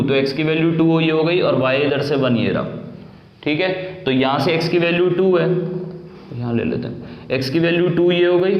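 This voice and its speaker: A young man tutors math at a board, slightly high-voiced, walking through each step and putting questions to himself before answering them. The room rings with a long echo, and the recording sounds dull and lo-fi. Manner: explains step by step, asks and answers his own questions. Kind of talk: classroom lecture at a board.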